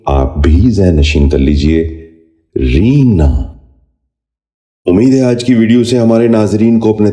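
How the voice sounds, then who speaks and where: A man with an extremely low, dark voice leads a scripted pronunciation lesson. He speaks slowly and formally, saying each word and then repeating it, and he addresses both viewers and children politely. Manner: slow, measured drill, repeating each word. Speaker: Urdu pronunciation teacher.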